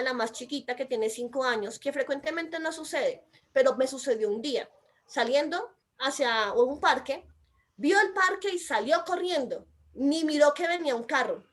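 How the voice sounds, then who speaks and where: A Colombian woman with a Colombian accent speaks in a high voice, explaining a legal text with emphatic, insistent delivery. She sounds naturally loud, as if she is almost shouting, and keeps pressing her points home. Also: expressive, normal speed. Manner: emphatic, calls herself loud and shrill by nature. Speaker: mother and commentator. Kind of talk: explanatory commentary.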